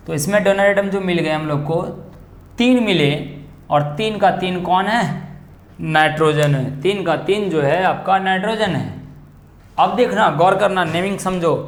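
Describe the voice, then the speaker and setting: Male chemistry tutor, high voice, echoey classroom, quizzes himself as he explains. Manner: questions and answers himself, drawn-out key terms. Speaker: chemistry teacher. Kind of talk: classroom lecture on coordination compounds.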